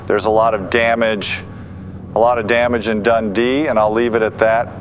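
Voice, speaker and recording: A man with a fairly low pitch and a level tone speaks at normal speed. Working as a weather forecaster, he gives urgent, grave and insistent live tornado coverage without a script. The sound is dull and muffled with faint noise.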